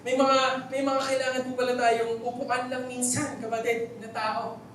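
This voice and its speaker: A man's voice: very high-pitched, flat delivery, moderate pace, a bit bright. A man with a Filipino accent, preaching a sermon in a church hall, telling stories with jokes and asking the congregation questions. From Philippines. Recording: very echoey hall, voice from far off, faint noise.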